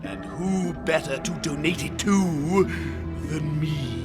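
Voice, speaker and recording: A man's voice: fairly high pitch, lively intonation. A man voicing a pompous, hot-tempered, scheming monster king in a theatrical, bombastic cartoon style. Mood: smug scheming. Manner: grandiose, bombastic, drawn-out exclamations. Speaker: cartoon villain. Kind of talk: theatrical animated-series voice acting. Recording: loud music bed behind dialogue.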